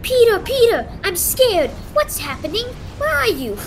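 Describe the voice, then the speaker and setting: Woman as excitable, scared small boy for audio drama: extremely high, animated pitch. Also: normal speed. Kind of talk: theatrical audio drama acting. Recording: clear background ambient noise.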